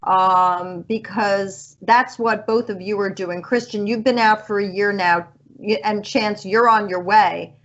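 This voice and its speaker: A woman in her fifties, a resident psychic on a college radio show, speaking slowly and earnestly in a heartfelt, rambling farewell chat. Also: medium pitch, steady tone, dull audio. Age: 50s. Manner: slow, earnest, emotional and rambling.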